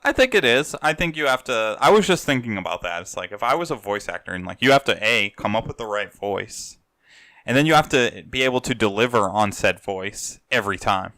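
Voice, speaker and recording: A man's voice: fairly low pitch, expressive, a little fast, sharp tone, dry recording, studio quality. A young man co-hosting a casual gaming podcast, joking and swearing casually. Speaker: podcast co-host.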